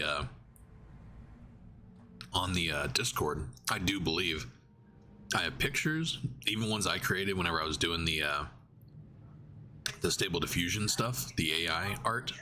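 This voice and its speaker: Man streaming gameplay, very deep but bright, forceful voice, casual rambling chat, cusses a lot. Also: normal speed, long pauses, slight background noise. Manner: rambling, swears freely. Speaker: gaming streamer.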